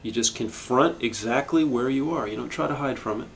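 A middle-aged man teaching a harmonica lesson, explaining in a calm, reflective way with frequent restarts. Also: medium pitch, fairly quick, creaky, a little hiss or hum. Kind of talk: instructional video lesson.

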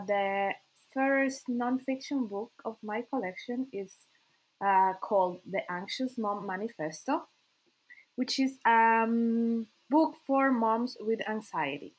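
A woman who speaks Spanish natively, with a Colombian accent, informally introduces herself as a podcast host. Her mid-range delivery is hesitant and full of pauses, and the recording is rough.

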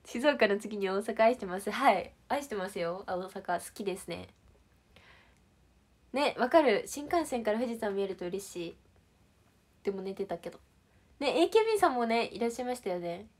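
With a medium-pitched, darkish, animated voice at a moderate pace, this Shizuoka-born idol chats casually on a livestream. She reads comments and responds with a bubbly, giggly playfulness.

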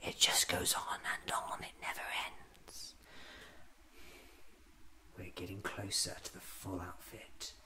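A man in his thirties playing an eccentric, playful, vain time-travelling doctor in a soft-spoken ASMR roleplay, musing aloud in an unhurried, whimsical way. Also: deep voice, completely flat delivery. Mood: hushed.

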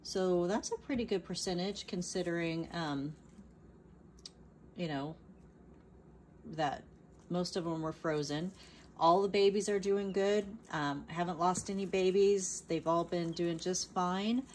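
A woman's voice: fairly low pitch, a little slow, a little mellow, a little hiss or hum. A woman vlogging casually about her chicks, chatty and plainspoken, with many ums and restarts, talking behind a phone camera at home. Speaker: small farm vlogger. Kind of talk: casual off-camera narration while filming.

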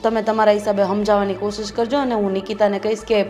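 A woman's voice: medium pitch, level tone, fast talker, a little mellow, faint music behind, natural voice. An actress playing a concerned daughter-in-law, talking earnestly with her elders. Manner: earnest, complaining. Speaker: daughter-in-law in family drama. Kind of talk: Gujarati family drama acting.

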